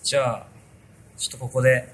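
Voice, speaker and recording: A man's voice: mid-range voice, steady tone, brisk, a bit bright, a little hiss or hum. A man hosting a casual tech podcast, chatting loosely through a sponsor spot with many fillers. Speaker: podcast host.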